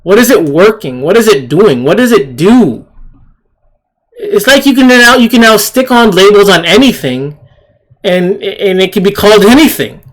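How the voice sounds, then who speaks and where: In a rough recording, a video commentator with a medium-pitched, expressive voice speaks at a moderate pace. The talk is an indignant, opinionated rant on shared screen clips, full of emphatic repetition and rhetorical questions.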